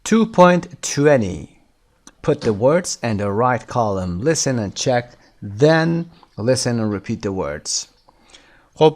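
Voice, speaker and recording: A man teaching a recorded English course in Persian. He reads each English instruction slowly and deliberately, then explains it at a brisk pace. His voice sits at an ordinary middle pitch. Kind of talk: recorded textbook lesson.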